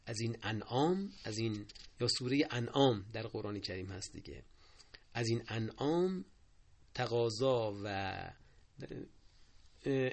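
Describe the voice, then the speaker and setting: Gravelly-voiced man teaching language usage. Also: mid-range voice. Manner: patient and explanatory, repeats key points and asks listeners to take note. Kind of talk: spoken lesson on correct usage.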